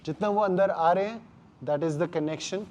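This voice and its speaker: Male martial arts instructor, Indian accent, slightly high voice, emphatic short phrasing, live class with some background noise. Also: quick pace, a little mellow, highs cut off. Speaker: jiu-jitsu instructor.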